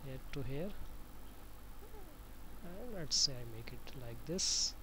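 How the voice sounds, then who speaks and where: A man explains software step by step in an informal, halting, repetitive tutorial style. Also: mid-range voice, lively intonation. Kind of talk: informal screen-recorded tutorial. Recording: noisy amateur screencast voice-over.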